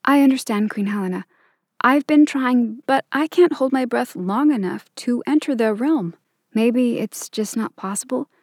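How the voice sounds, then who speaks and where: An unsure young fairy speaks earnestly and hesitantly in a storybook reading, as a woman puts her on. Her voice lifts a bit higher and sounds dry and close. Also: moderate pace, darkish tone, no room sound.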